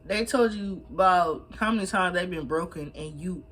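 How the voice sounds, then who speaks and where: A woman's voice: lowish voice, moderate pace, fairly bright tone, a little hiss or hum. A young woman giving blunt, emphatic, slangy advice in a casual chat while she eats. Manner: talking while eating. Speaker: mukbang vlogger.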